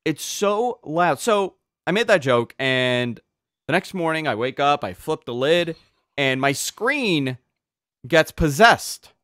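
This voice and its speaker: A man hosting a podcast, telling stories in an animated way and repeating words when he gets excited. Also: a little high, takes it slowly, no echo, studio quality. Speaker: podcast host. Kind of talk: casual podcast chat.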